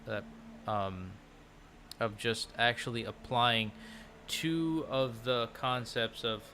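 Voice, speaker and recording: Guy streaming his language practice, talks slow and halting, keeps restarting, light background hiss. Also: medium pitch, sharp tone. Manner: halting, thinks aloud with many restarts. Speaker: language-learning vlogger. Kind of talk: casual livestream chat while doing lessons.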